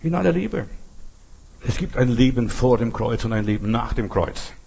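A man preaching a sermon who talks to his listeners directly, swinging between emphatic bursts and slow, quiet lines. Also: medium pitch, breathy edge. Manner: addresses listeners directly with "weißt du" and "verstehst du".

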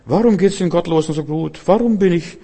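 A man voicing a whining believer who pleads in a high, plaintive voice, with a long hall reverb. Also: fairly quick, dark tone, slightly rough. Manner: high-pitched, plaintive questioning. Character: whiny complaining believer, any adult.

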